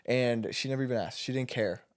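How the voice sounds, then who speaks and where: A man's voice: medium pitch, a little fast. A young man in casual conversation as a guest, telling blunt stories with laughs and lots of fillers. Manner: blunt, laughing, rambling storyteller. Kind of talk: casual chat.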